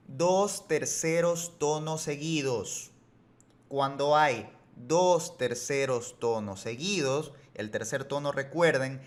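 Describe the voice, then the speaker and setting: A man teaching a language lesson on video, explaining rules patiently and reassuring his viewers as he repeats examples slowly. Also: mid-range voice. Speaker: Mandarin teacher.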